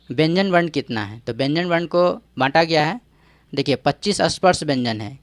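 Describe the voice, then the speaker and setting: A male teacher with a fairly high-pitched voice, recorded dry, gives an exam-prep grammar lesson. He explains step by step, checks in often with "ठीक है," and quizzes the viewer through rhetorical questions.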